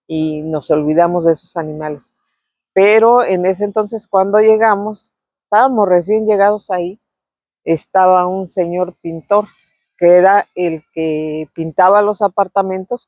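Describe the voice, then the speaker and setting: A middle-aged woman, fondly telling memories of her youth in a casual, unhurried way, pausing often on filler words. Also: lowish voice, darkish tone, dry recording, highs cut off. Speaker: vlogger sharing memories. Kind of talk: casual reminiscing storytelling.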